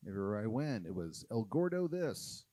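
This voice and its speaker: A man from Oklahoma doing a stand-up comedy set on a live stage, talking in a halting, self-deprecating way with many "uh" fillers. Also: fairly low pitch, sing-song, mellow, dry recording. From Oklahoma, USA.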